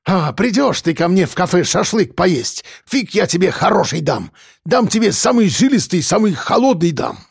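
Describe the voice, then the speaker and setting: A man voicing a hot-tempered middle-aged male cafe owner, loud and pleading. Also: high-pitched, sing-song, normal speed, creaky, husky, no echo, studio quality, pitched above the performer's own voice, full character voice. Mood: indignant.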